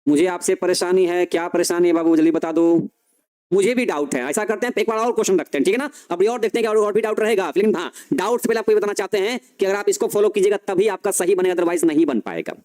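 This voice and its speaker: High-voiced male teacher explaining grammar. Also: quick pace, a little mellow. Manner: explains step by step, asks students rhetorical questions. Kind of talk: live online grammar class.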